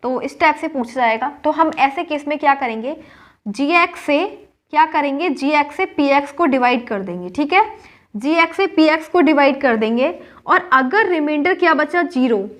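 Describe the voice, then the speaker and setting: A high-pitched young woman walking through a math lesson one step at a time. She keeps checking in with her students and slips English math terms into her sentences. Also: expressive, normal speed. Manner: explains step by step, repeats checks with "ठीक है", mixes English terms into Hindi. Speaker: maths teacher.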